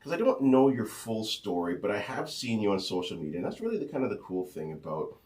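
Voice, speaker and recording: A man's voice: lowish voice, sing-song, quick pace, darkish tone. A man hosting a podcast, chatty and enthusiastic, asking long rambling questions. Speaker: podcast host. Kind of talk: casual interview chat.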